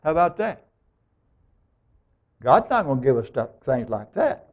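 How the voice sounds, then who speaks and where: A man preaching a sermon, emphatic and animated, acting out the people of scripture as he tells them. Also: mid-range voice, unhurried. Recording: dull lo-fi recording.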